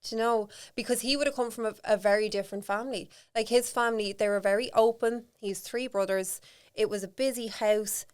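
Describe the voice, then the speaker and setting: Frank Irish woman with a smooth voice. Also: on the high side, steady tone, a little fast, few pauses. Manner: candid, frank storytelling with casual swearing; chatty, lots of fillers like "like". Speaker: podcast guest. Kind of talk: casual conversation.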